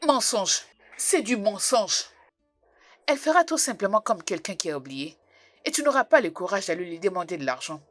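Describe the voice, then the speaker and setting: A grumbling young servant. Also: female voice, medium pitch, big pitch swings, moderate pace, no echo, soft background music. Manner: complaining. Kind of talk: French dub of a film.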